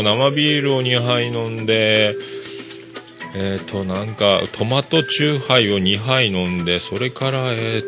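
A man's voice: lowish voice, sharp tone. A man from Fukuoka hosting a podcast, telling a casual story in a chatty, rambling way with many fillers. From Fukuoka, Japan. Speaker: podcast host.

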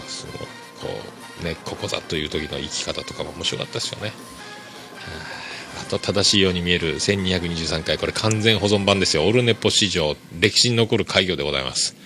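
A man hosts a casual solo podcast. His voice sits low but sounds bright and forceful, with a lively, swinging pitch. Soft music plays faintly behind him. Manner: chatty, enthusiastic, laughs softly between remarks. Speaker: podcast host.

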